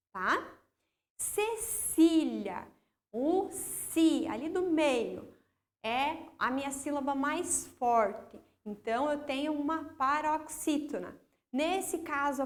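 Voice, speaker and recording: A Brazilian woman teacher giving a recorded school lesson, explaining slowly and patiently and stressing syllables one by one. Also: high voice. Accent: Brazilian Portuguese.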